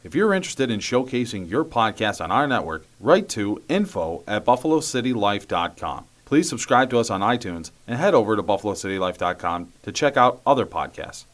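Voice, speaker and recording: A man reads a short scripted network intro at the start of a podcast. His voice is low but moves around a lot in pitch, giving it an announcer's swing. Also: big pitch swings, a little fast, few pauses, a bit bright.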